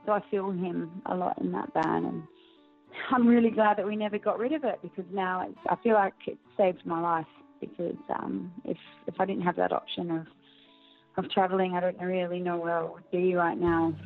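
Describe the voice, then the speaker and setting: A young woman, soft and reflective, speaking in a personal interview and laughing often. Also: lowish voice, steady tone, moderate pace, vocal fry. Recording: tinny phone-like audio, faint music.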